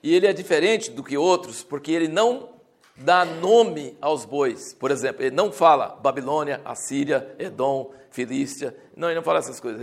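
A man with a gravelly, somewhat high voice teaches a Bible class. He talks conversationally, explains terms and often restarts his sentences. He pushes into louder, emphatic stretches as he makes his points.

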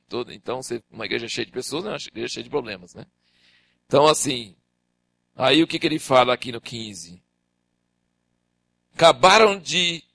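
An older man preaching with a high, bright voice that leaps up and down as he acts out the Bible figures' dialogue. The sound is close and dry, with no room echo behind him. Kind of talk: sermon Bible teaching.

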